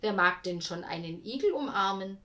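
A woman voicing a kind, peace-loving aunt who speaks calmly but firmly in a storybook reading. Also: mid-range voice, normal speed. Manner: calm, gently firm.

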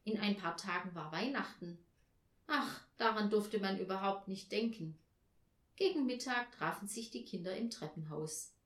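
A woman reading a children's Advent story aloud in a gentle, expressive way. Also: medium pitch, normal speed. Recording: echoey room.

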